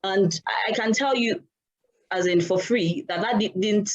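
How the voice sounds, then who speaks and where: On a casual panel, a Nigerian woman whose first language is Yoruba tells a story earnestly, pausing to search for words. Her medium-pitched voice is a little slow, and the recording sounds muffled.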